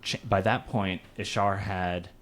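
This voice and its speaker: Man, podcast co-host, low voice, casual rambling chat, repeats and restarts. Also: steady tone, unhurried, a little hiss or hum.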